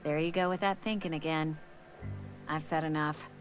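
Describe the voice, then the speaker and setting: A woman's voice: deep voice, steady tone, normal speed, faint music behind, lightly acted. An actress voicing a brusque, wary woman bartender from a company frontier town in a video game, with a sassy, curt and dismissive manner. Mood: sardonic, guarded. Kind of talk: video game character dialogue.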